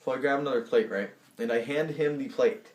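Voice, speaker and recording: A man telling a storytime vlog in a lively, animated way, slipping into the voices of the people in it. His voice sits in a middle register. The room around him is echoey. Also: mid-range voice, fairly quick. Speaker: vlogger.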